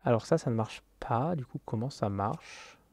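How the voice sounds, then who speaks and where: A man's voice: mid-range voice, expressive, moderate pace, a little mellow. Man grumbling through a game. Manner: thinks aloud, exasperated, swears at the game. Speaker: gaming YouTuber. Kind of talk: let's play commentary. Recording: game music playing behind.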